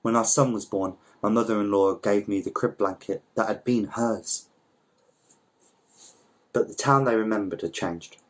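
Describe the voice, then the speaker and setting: Reading a short story from the page, this male volunteer has a fairly low voice and a measured, literary manner, stumbling slightly now and then as an amateur might.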